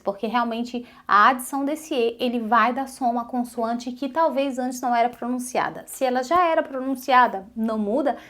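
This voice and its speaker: Woman teaching French, slightly high voice. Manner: slow, carefully repeated French examples between casual Portuguese explanations. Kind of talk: online language lesson.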